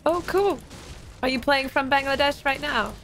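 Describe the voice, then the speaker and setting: A woman's voice: high voice, normal speed, vocal fry, fairly bright tone, soft background music. A young woman in her twenties from Manchester, streaming a game over a headset and teasing her squad with frequent laughs. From Manchester, England. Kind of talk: casual gaming chat. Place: gaming room indoors.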